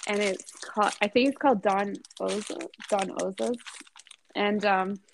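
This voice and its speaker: A woman's voice: medium pitch, fairly even intonation, measured pace, vocal fry, slight background noise. A woman hosting a casual podcast chat, giggly and full of "like" and "oh my God". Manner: chatty, giggly, lots of "like" and "oh my God". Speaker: podcast host.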